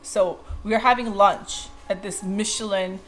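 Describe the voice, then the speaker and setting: A woman's voice: mid-range voice, steady tone, a little slow, fairly bright tone. Woman, mukbang vlogger, casual chat while eating, rambling storyteller, laughs easily.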